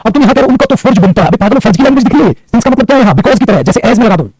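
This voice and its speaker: A male English grammar teacher with a high, slightly husky, mellow voice lectures fast in Hindi mixed with English, swooping expressively up and down. He scolds and teases students, calling them "beta." The recording is rough, close and dry, with soft background music.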